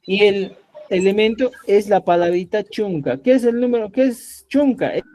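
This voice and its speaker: A man's voice: high voice, normal speed. A man teaching a live online Quechua class, quizzing his students and saying "ya" again and again. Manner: lively, repeats "ya" and quizzes students.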